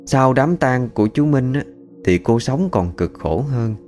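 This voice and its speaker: A man's voice: mid-range voice, animated, unhurried, a little mellow, soft background music. A man narrating a ghost story in a colloquial, chatty way.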